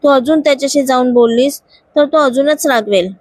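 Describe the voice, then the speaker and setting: A calm, caring man gently talking a friend out of a rash step, voiced by a woman narrator. The voice is high and the sound dry and close, read in a steady storybook manner. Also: normal speed, no echo. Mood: cautioning. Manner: gently persuading. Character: calm, caring male colleague, cautious.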